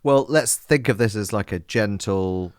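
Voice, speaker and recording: A man's voice: fairly low pitch, unhurried, clean tone, no room sound, clean studio sound. A man co-hosting a music podcast, chatting casually and playfully with lots of fillers and jokes. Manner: playful, jokey, rambling with fillers. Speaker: podcast co-host.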